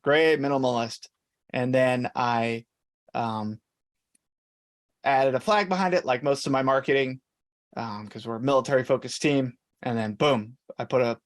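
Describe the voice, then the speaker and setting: Man, casual presenter, chatty, upbeat, filler-heavy, mid pitch. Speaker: realtor coach.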